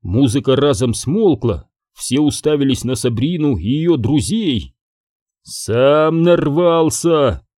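Expressive male storybook narrator. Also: mid-range voice, measured pace, husky, no room sound, clean studio sound. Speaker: audiobook reader.

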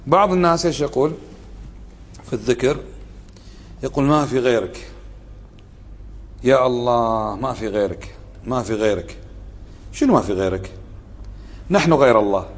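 A man's voice: mid-range voice, slightly rough, in a large hall. A man gives a religious lesson on creed, asking his listeners questions and answering them himself, with a sarcastic edge. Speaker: sheikh teaching a book on creed.

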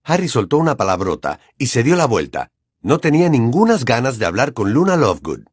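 A man narrating a dramatized audiobook in an even storytelling delivery. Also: mid-range voice, fairly quick, slightly rough, no room sound, studio quality.

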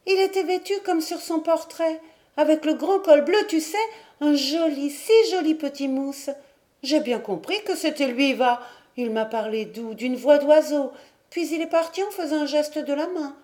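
A woman voicing a young Breton woman gone mad, high, laughing and singsong. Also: normal speed, darkish tone, close to an everyday voice. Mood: eerie.

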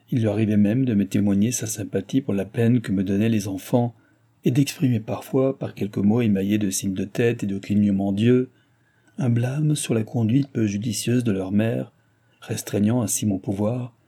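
A man reading a classic novel aloud as an audiobook narrator, in a measured, steady, literary way. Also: lowish voice, husky.

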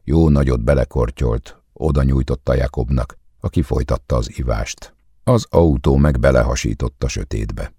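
Man with a very deep, husky voice. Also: warm tone, no room sound, clean studio sound. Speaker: audiobook reader. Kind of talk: scripted literary narration.

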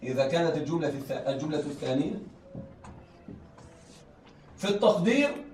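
Male teacher for a classroom lesson: quick, fairly high voice, always checking that students keep up and repeating key phrases. Recorded from across an echoey room. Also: animated, a little mellow. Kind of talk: classroom lesson on Arabic rhetoric. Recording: echoey room, heard from a distance, faint noise.

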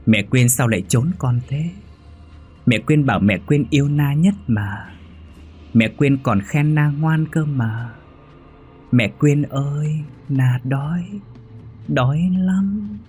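A man's voice: mid-range voice, slow, a little mellow, slight background noise, voice pushed up, lightly acted. A man voicing a vengeful, hungry ghost girl in a sing-song, wheedling child voice, reading a horror story. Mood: wheedling eerie.

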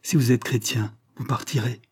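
A man voicing a frightened, grieving young noblewoman who is proud and cold, in a husky, tense, pleading voice. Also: medium pitch, steady tone, moderate pace, darkish tone.

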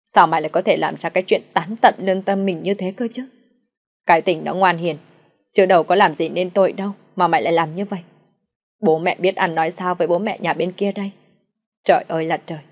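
An angry middle-aged village mother scolding her son, as a woman narrator reads her lines. The voice sits low. She nags and wails in a storybook reading.

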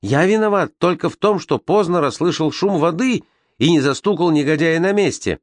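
A man voicing an accused Englishman sailor who protests in a raised, high voice in a storybook reading. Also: lively intonation, moderate pace, dry recording, studio quality, close to an everyday voice. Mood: indignant.

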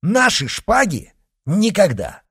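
A man's voice: on the high side, expressive, fairly quick, no echo, clean studio sound, voice pushed up, natural voice. Man doing a fiery young Gascon swordsman. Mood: defiant. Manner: impassioned, exclaiming. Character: hot-tempered young male Gascon swordsman.

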